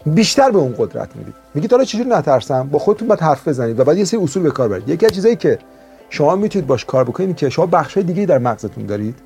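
A male self-help teacher giving an expressive motivational talk, his voice sitting slightly high and swinging widely in pitch. He slows down to stress a point, then rushes through the next. Faint music plays behind him. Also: vocal fry. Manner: storytelling, emphatic, shifts between slow stresses and quick bursts.

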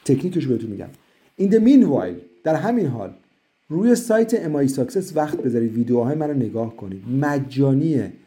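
A man's voice: mid-range voice, very animated, dark tone. A middle-aged man answering questions as an immigration consultant in a live session, talking emphatically and persuasively.

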